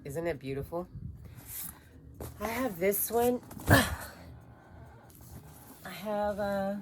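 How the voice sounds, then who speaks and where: A woman's voice: medium pitch, lively intonation, extremely slow, a little hiss or hum. A woman chatting casually in a home vlog, rambling and gushing over her yarn. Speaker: crochet vlogger.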